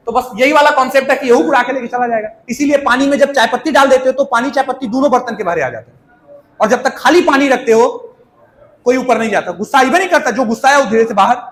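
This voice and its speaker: A man teaches chemistry in a lively, playful way, constantly quizzing his students. His voice sits very high, and the room around him rings with echo. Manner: chatty, asks students questions, playful. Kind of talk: lively classroom lecture with everyday examples.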